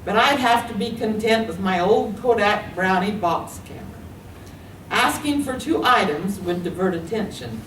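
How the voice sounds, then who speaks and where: In a library room, an older woman with an American accent gives an expressive public reading of her own personal story. Her mid-range voice is a bit bright, with lively intonation at a normal speed. Faint noise, room echo, and a distant mic mark the recording.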